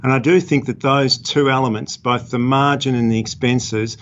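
A man explaining markets as an interviewed fund manager, measured and halting with repeated words, on lo-fi audio. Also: mid-range voice, steady tone, fairly bright tone.

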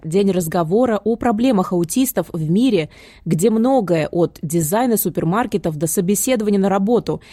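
A woman's voice: medium pitch, mellow, no echo, studio quality. A woman reading scripted narration for a news report as a reporter. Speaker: radio reporter.

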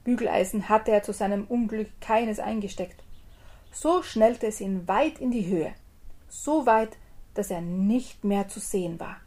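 A woman tells a fairy tale in a lively way and explains the dialect words as she goes. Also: medium pitch, a little slow. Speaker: storyteller.

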